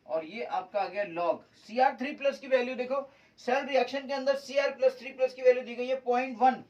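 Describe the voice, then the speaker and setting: Recorded poorly and from far off the mic, a high-pitched, darkish-toned man teaches chemistry at a board. He mixes Hindi and English terms and addresses students as "beta."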